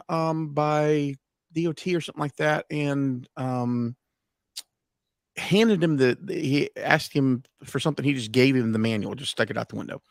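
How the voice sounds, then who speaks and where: A man's voice: on the high side, no echo, clean studio sound. A man in casual podcast chat, telling stories with many fillers and restarts. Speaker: guest.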